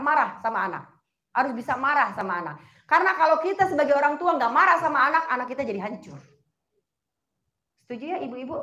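Animated high-voiced woman preaching. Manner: animated, addresses the congregation directly and asks it questions. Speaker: testimony speaker at a church service. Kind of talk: sermon-style personal testimony. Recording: echoey hall sound.

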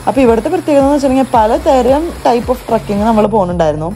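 A woman's voice: on the high side, animated, fast talker, dark tone, a little hiss or hum, low-quality recording. Chatty young woman vlogging outdoors. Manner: chatty, mixes in English phrases, addresses viewers as guys. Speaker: travel vlogger. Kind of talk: casual travel vlog narration. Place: outdoors on a forest trail by a waterfall. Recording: background music under the voice.

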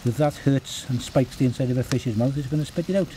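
Welsh man in his fifties, cooking-show host, dark mellow tone, faint outdoor noise behind. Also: medium pitch, fast. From Wales. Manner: relaxed and chatty, frequent ums and uhs. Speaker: forager and outdoor cook. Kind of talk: cooking demonstration. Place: rocky beach outdoors.

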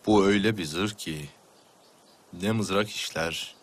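Deep-voiced grave grand vizier man. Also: measured pace, slight background noise. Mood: grave, bitter. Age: middle-aged. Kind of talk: period television drama acting.

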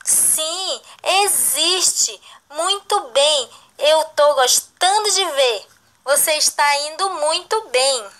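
A woman teaching a recorded lesson to young children, slow and cheerful, praising answers. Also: high-pitched, lively intonation, fairly bright tone. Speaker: primary school teacher.

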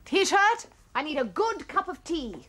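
An actress playing a scheming, impatient female witch in a children's TV comedy, with a snappish, imperious, scolding manner and a husky voice. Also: very high-pitched, very animated, unhurried, pushed and bright, full character voice. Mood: bossy. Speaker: villain.

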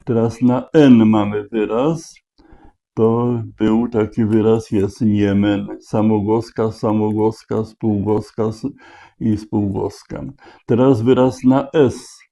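A man thinking aloud as he solves a crossword, slowly spelling out letters and checking each word. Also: fairly low pitch, fairly even intonation, dark tone. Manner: slow, deliberate, spelling out letters. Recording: dull lo-fi recording.

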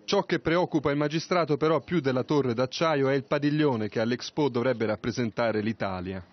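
A man narrating a news report in a crisp, even, scripted delivery. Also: mid-range voice, normal speed, no room sound, highs cut off.

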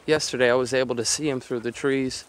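A man's voice: mid-range voice, fairly even intonation, fast. A man vlogging at a forest campsite on a handheld camera, talking in an easygoing, rambling way. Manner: laid-back, rambling, easygoing. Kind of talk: casual chat.

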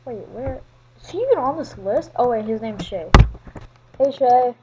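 A woman giving solo video game commentary, chatting at other players and swinging from mumbled asides to excited yelling. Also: fairly high pitch, moderate pace, dull audio, noisy background. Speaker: gaming commentator. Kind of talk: solo Minecraft gameplay commentary.

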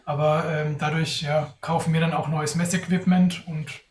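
Sitting indoors before a sponsor backdrop, a young man fields audience questions on a live video call, thoughtful and full of hesitations. His voice sits on the high side with little pitch movement and a moderate pace, and the distant mic gives a roomy, off-mic sound.

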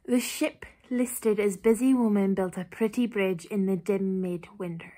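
A young woman with a Cork Irish accent and a husky voice, reading test sentences aloud in a careful, deliberate way. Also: medium pitch, steady tone, mellow. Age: young adult. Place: small bedroom, indoors.

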